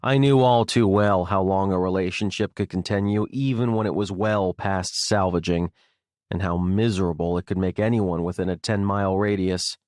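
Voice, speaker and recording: A man's voice: deep voice, moderate pace, darkish tone, no room sound. A man narrating an audiobook in the first person with a wry, sardonic delivery, recorded on a close studio mic.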